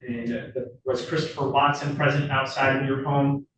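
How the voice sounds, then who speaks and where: A man speaking as a prosecutor, formally questioning in court with halting, rephrased wording. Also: mid-range voice, flat delivery, fairly bright tone. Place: indoor courtroom. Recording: very echoey courtroom, distant mic, clear noise.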